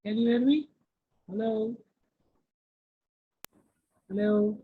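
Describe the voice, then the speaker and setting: A woman's voice: a little high, steady tone, slow pace, husky. A woman tutor on an online call that keeps cutting out. She keeps asking whether she can still be heard. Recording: phone-like call audio.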